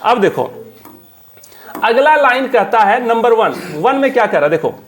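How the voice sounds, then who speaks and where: A woman's voice: fairly high pitch, big pitch swings. A woman teaching an English reading lesson, spelling words letter by letter and drilling pupils with repeated questions. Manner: drills students with repeated call-and-response questions; reads English slowly word by word. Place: classroom. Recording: noisy classroom crowd. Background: class of children responding.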